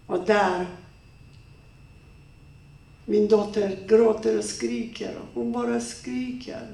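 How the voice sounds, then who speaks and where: Gravelly woman giving a dramatic speech. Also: medium pitch, darkish tone. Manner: dramatic, slow, emotional storytelling with short halting phrases. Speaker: women's rights activist. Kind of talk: personal testimony speech. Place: stage in a large room. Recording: echoey room, speaker far from mic.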